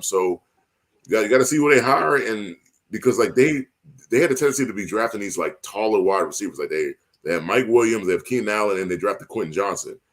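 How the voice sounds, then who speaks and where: Low-voiced guy on a sports podcast, rambles a lot, pitch jumps all over. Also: fairly bright tone. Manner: rambling, heavy filler words. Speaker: podcast co-host. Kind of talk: casual sports chat.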